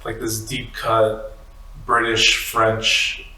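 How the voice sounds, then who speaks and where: A young musician born in the US to Mexican parents talks in a relaxed, halting way, padding his thoughts with fillers. His voice is bright and forceful. He sits off the mic in an echoey room with a faint hiss. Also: fairly low pitch, distant mic. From United States, Mexican parents. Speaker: musician guest. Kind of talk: casual interview chat.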